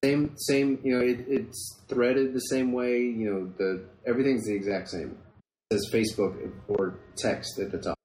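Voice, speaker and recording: A man's voice: mid-range voice, steady tone, moderate pace, darkish tone. A young man joining a tech podcast as a guest, eagerly explaining in detail. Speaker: guest panelist. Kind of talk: casual tech podcast chat. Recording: roomy with faint background noise.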